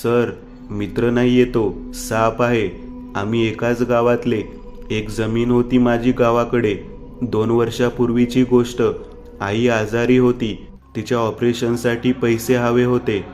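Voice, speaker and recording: A man's voice: mid-range voice, little pitch movement, a little slow, a little mellow, soft background music, natural voice. A man voicing a vengeful schemer who speaks coldly and matter-of-factly.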